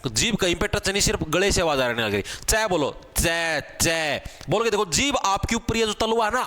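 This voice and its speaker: A man teaching an exam-prep grammar class, casual, asking questions and answering them himself, sounding out letters slowly. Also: sits high, expressive, sharp tone. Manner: spells out sounds slowly, one at a time. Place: online class video.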